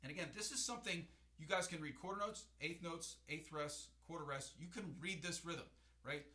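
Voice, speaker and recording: A man's voice: a little high, normal speed. A man teaching a hand-drum class in a casual, explaining way, often checking in with "right?". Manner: shouts drum strokes and counts over playing. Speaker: music teacher. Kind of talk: hand-drum lesson with spoken counting. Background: hand drums playing.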